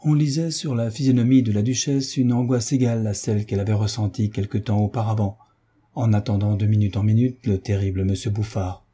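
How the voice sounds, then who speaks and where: Audiobook narrator, male, measured, very dark mellow tone. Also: on the low side, breathy edge. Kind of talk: scripted narration.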